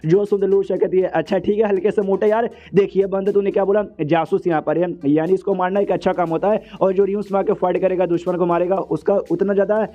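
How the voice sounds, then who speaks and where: A man retelling an animated series episode in casual storytelling style, rattling off slangy asides and quick voiced quotes of the characters. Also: high voice, muffled recording. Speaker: anime recap narrator.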